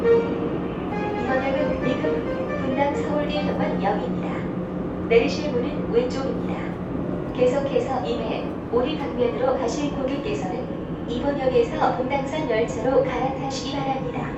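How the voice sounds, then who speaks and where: A woman making polite, measured, formal transit announcements over a PA system on a subway train. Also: steady tone, dull audio, loud music behind the voice. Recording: echoey distant loudspeaker, loud train noise. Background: rumbling subway train.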